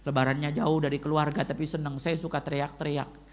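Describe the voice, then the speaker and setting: A man's voice: fairly high pitch, brisk. A male preacher giving a casual, joking sermon and telling stories vividly, acting out the people in them. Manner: animated storytelling, acting out the people in the story.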